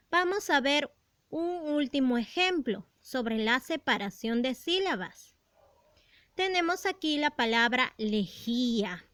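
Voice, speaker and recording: A woman gives a grammar lesson for young pupils, speaking slowly and deliberately with a smooth, crisp voice. She poses rhetorical questions as she explains. Her voice is fairly high and sounds close and dry, with no room echo. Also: fairly bright tone. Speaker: primary school teacher.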